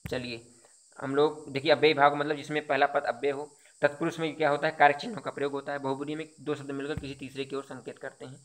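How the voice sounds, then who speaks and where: A man's voice: fairly high pitch, little pitch movement, quick pace, a bit bright. A man teaching Hindi, going through exam questions one by one, explaining each answer with repetition and rhetorical questions. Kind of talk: exam quiz lesson.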